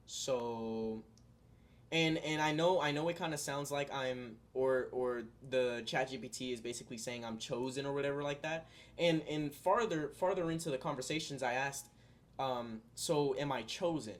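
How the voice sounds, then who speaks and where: A young adult male vlogger with a mid-range voice speaks directly to his viewers at a moderate pace. His earnest, spiritual musings ramble along, full of fillers and restarts.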